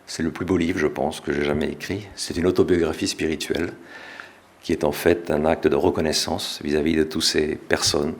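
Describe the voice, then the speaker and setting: A middle-aged French man, an author, giving a relaxed public talk with small self-corrections. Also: a bass voice, moderate pace, creaky. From France. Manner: relaxed, self-deprecating, with restarts. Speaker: author and speaker.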